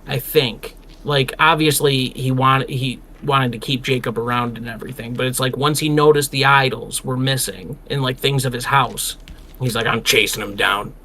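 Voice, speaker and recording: A man with a bright, forceful voice chats casually as a podcast co-host. He retells old stories with lively slang and quick quoted asides, in an animated, easygoing way. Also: mid-range voice, slight background noise. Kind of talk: casual Bible discussion.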